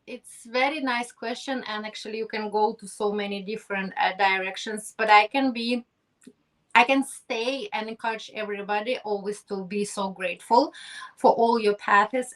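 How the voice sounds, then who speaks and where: A woman from Ukraine is a guest in a conversational interview, speaking in an effusive, grateful way with phrasing. Her voice is mid-range with a fairly bright tone. She was recorded distant from the mic.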